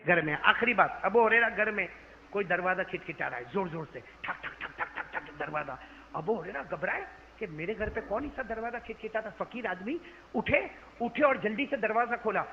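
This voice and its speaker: A male preacher telling a story in a sermon to a live gathering, swinging between hushed narration and shouting and quizzing his listeners. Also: high-pitched, lively intonation, vocal fry, a little hiss or hum. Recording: echoey hall, dull lo-fi sound.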